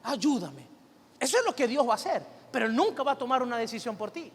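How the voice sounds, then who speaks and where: High-voiced male pastor preaching. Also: expressive, racing, slightly rough. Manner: preaching with rhetorical questions and call-and-response. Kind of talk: sermon. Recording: long reverb of a church hall.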